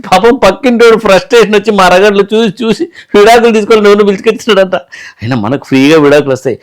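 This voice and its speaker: A man's voice: high-pitched, rapid-fire, smooth, lightly acted. A man doing a whiny henpecked husband. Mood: pleading. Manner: pleading, whiny. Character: fed-up henpecked husband begging for divorce.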